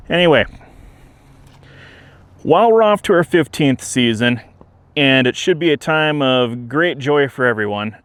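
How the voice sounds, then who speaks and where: A man with a smooth, resonant voice at an average pitch gives an informal update to camera. He is plain-spoken and measured. The sound is dry and open, recorded outdoors with some traffic. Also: a bit bright, no echo. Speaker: interim museum director. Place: outdoors beside a trail, with traffic and wind. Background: traffic and wind.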